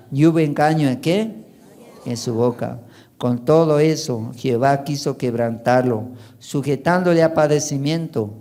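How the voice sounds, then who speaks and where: A man's voice: medium pitch, warm tone. A male pastor with an Ecuadorian Spanish accent, preaching a sermon to his congregation and drawing call-and-response answers from them. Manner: preaching with rising intensity, calls and responses with the congregation. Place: church sanctuary.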